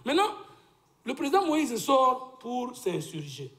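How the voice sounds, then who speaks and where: A man's voice: very high voice, wildly swooping pitch, a little slow, fairly bright tone. A man arguing insistently in a political debate, lecturing and pressing his point. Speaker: debate guest.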